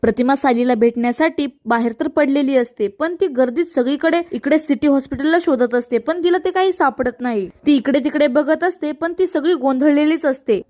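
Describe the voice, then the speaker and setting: A woman's voice: sits high, a little mellow. A woman retelling a TV serial episode as a story, reading the characters' lines in her own voice. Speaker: serial episode recap narrator.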